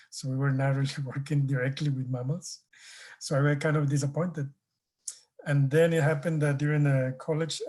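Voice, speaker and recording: A man from Mexico giving an online talk as a guest scientist, speaking in a relaxed way with many pauses and fillers. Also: mid-range voice.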